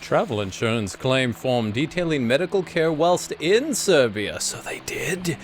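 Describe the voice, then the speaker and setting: A man's voice: fairly high pitch, very animated, measured pace, noisy background. A man doing horror game playthrough commentary, bantering and reading in-game text aloud with playful theatricality. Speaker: video game streamer. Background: game music.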